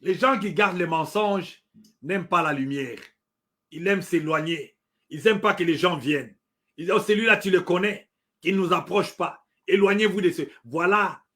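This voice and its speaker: This is a middle-aged man from the DR Congo, his French carrying a Congolese accent, delivering fiery political commentary. His pitch sits fairly high and his tone is fairly bright. He hammers his points, repeats himself often, and hesitates with fillers.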